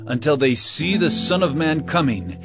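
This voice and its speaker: A man's voice: fairly high pitch, moderate pace, close to an everyday voice. Jesus, a man voicing a solemn commanding teacher. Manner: solemn, earnest declaiming. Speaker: actor. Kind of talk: audio drama acting. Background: guitar music.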